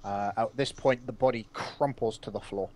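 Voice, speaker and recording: A man narrating as game master of a tabletop game, pausing often with uh and um. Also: mid-range voice, steady tone, a little mellow. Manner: halting, lots of uh and um.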